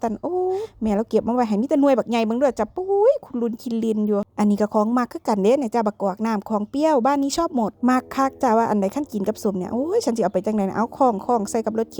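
A woman's voice: on the high side, a little mellow. A woman with an Isan accent, narrating a farm vlog in a chatty, playful way with frequent exclamations. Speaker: vlogger.

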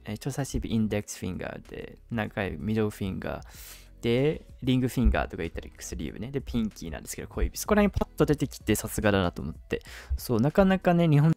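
Man, casual reaction commentary, lively animated delivery, dry close sound, enthusiastic explainer. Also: mid-range voice, no room sound. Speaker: host explaining English in song lyrics.

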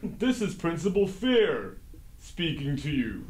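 A man acts out a theatrical school principal making a scripted announcement. He booms like a prize announcer, high-pitched and unhurried, in an echoey recording. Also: sing-song, a little mellow. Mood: grand, commanding.

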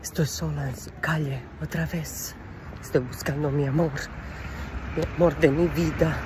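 A man's voice: a little high, steady tone, normal speed, close to an everyday voice. A man playing a desperate, melodramatic telenovela mother searching for her son, wailing in broken Spanish outdoors on a noisy street. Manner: overwrought soap-opera wailing, broken Spanish. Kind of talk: telenovela parody. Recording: noisy street with passing vehicles.

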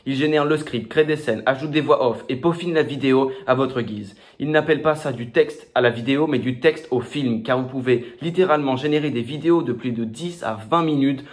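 A man hosting a screen-recorded software tutorial, talking casually with many fillers and restarts. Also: mid-range voice, fairly quick, hardly any pauses. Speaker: tutorial host.

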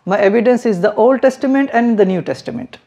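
A man's voice: very high voice, fast, creaky, warm tone. A young man from India, guiding visitors at a mosque and explaining to them in a friendly, explanatory way, often laughing. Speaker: mosque guide and educator. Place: mosque hallway, then classroom.

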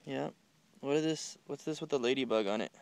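Walking outdoors through a home garden with a handheld camera, a father films his kids, quizzing them on plant names and encouraging their answers. His voice is medium-pitched, brisk, clear, and resonant, with some vocal fry. The chat is casual, curious, and gently encouraging.

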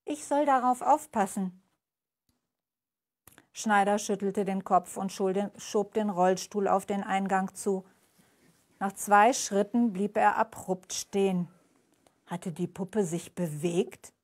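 Brief: woman author reading her own novel aloud, slow and deliberate, mid pitch. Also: steady tone, a little mellow. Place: live reading event.

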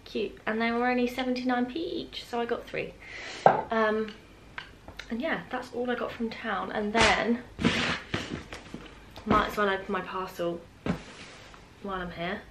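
Over heavy background noise, a woman with a higher voice and fairly even intonation speaks at a measured pace with long pauses. She is a British vlogger in her twenties, unboxing and chatting informally to camera with little asides in an indoor open-plan living room at home.

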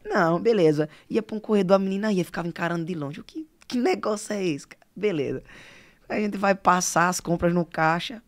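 A man's voice: high voice, a little fast. A young man from Sergipe, Brazil, a singer telling stories as a podcast guest with lots of fillers. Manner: animated storyteller, filler-heavy. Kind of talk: casual interview chat.

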